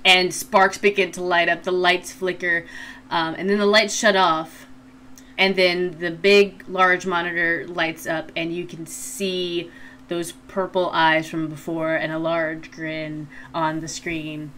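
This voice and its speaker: A woman game master narrates a tabletop adventure in a bright, forward voice. She takes her time, halting playfully as she improvises, with faint noise in the background. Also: fairly low pitch, flat delivery.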